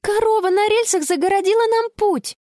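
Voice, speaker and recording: A woman voicing an excitable young girl in a storybook reading, with a high, breathless girlish voice. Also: fairly quick, no room sound, clean studio sound. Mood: worried.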